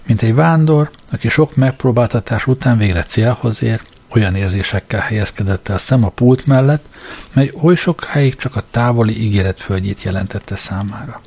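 A man narrating an audiobook in a measured storytelling manner. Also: fairly low pitch, creaky, a little mellow, husky.

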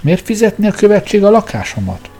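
Whiny sobbing storybook editor, high and tearful, put on by a male reader; mellow low-fi timbre. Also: sing-song, full character voice. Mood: puzzled. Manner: tearful, pleading, high-pitched.

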